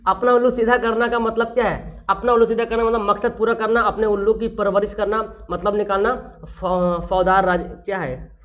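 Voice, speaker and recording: An online tutor, teaching a live grammar class. Asks questions and answers them, repeats key terms, and reads out viewers' names with praise. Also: mid-range voice.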